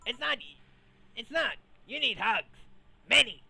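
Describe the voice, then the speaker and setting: A woman's voice: fairly high pitch, animated, measured pace, gravelly, sharp tone, breathy edge, full character voice. A woman voicing a blunt, bossy woman bar owner in a visual novel game, firm and commanding.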